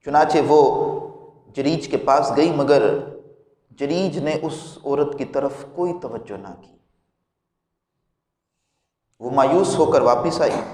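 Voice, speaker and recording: Slow-preaching man in an echoing hall. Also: a little high, a little mellow. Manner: slow, measured retelling of a moral tale. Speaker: religious preacher. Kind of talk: sermon storytelling. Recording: echoey hall with long reverb.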